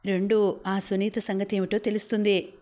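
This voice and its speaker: A woman reading a novel aloud as an audiobook, narrating in the first person with a flat, even delivery. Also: mid-range voice, normal speed.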